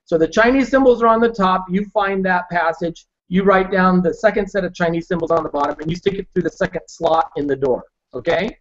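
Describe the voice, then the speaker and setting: A man's voice: sits high, fairly quick, few pauses, dull audio. A man arguing a point earnestly and step by step, his online call audio glitching and breaking up. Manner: earnest, argumentative, explaining step by step. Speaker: debater. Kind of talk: philosophical debate over an online call.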